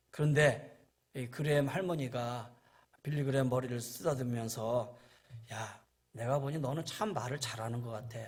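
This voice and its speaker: A middle-aged man preaching a sermon in a church, telling stories and acting out the voices of the people in them. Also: mid-range voice. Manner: storytelling, acting out quoted voices, rising to emphatic peaks. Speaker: pastor. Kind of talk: sermon with anecdotes. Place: church sanctuary.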